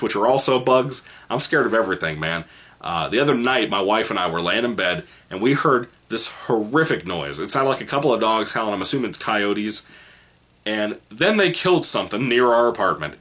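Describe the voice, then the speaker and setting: A man's voice: on the low side, fairly bright tone, slightly rough. A man in his twenties, a channel host, casually answering viewer comments in a rambling, self-correcting way with frequent laughs. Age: 20s. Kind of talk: casual chat.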